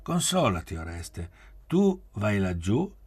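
A man's voice: fairly low pitch, sing-song, takes it slowly, darkish tone, husky, full character voice. A man voicing a brooding, moralizing young man. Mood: solemn. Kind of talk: audiobook reading.

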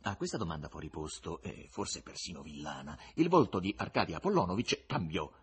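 A man reading a novel aloud as an audiobook, expressive and dramatic. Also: deep voice, fairly quick, breathy edge. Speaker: reader.

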